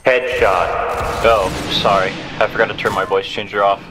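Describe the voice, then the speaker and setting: A man voicing a joking male game announcer in a deadpan, offhand way, his voice run through a deep voice changer. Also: normal speed, over music, low-quality recording.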